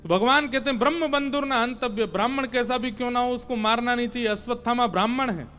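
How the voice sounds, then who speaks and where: A man telling scripture stories in a devotional sermon, animated and dramatic, and he chants the verses. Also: very high-pitched, fast, faint music behind. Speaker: devotional storyteller preacher.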